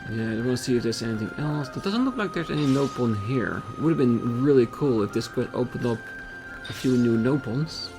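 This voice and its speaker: A man's voice: mid-range voice, lively intonation, fairly quick, low-quality recording. A man hosting a let's play with casual, hesitant, rambling commentary as he plays. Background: game music.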